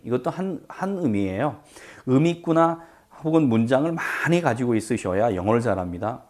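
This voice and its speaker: Middle-aged man, English teacher, brisk explanations, drawn-out example phrases. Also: medium pitch, a little mellow. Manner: drills English phrases slowly, explains quickly in Korean. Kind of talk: language lesson.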